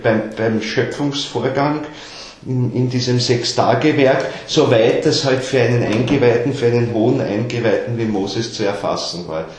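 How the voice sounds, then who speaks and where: A man's voice: mid-range voice, darkish tone. Man lecturing in a very echoey room. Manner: halting, repeats words while explaining. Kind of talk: explanatory lecture.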